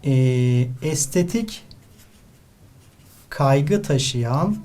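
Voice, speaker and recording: A man's voice: medium pitch, lively intonation, drawn-out words, mellow. A male literature teacher from Turkey working through an exam paper step by step, writing as he talks and often turning to his students. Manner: explains step by step, addresses students often, writes while talking. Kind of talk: exam-review lesson.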